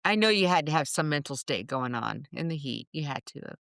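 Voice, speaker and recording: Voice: mid-range voice, lively intonation, a little fast, gravelly, fairly bright tone, no echo, clean studio sound. A podcast host interviewing a guest in a playful, teasing way. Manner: playful, teasing, laughs often. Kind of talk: casual interview chat.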